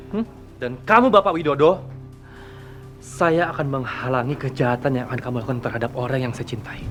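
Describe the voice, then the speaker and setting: A man's voice: mid-range voice, a bit bright, close to an everyday voice. An actor playing a defiant young man, an estranged and vengeful son who speaks coldly and threateningly in a TV drama.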